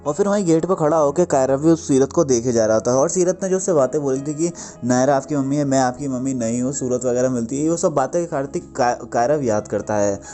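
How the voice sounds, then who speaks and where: A man's voice: medium pitch, fairly quick, few pauses, warm tone, soft background music. Man casually retelling a TV serial. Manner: plain retelling with many self-corrections. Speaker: TV serial recapper. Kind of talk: casual spoken story recap.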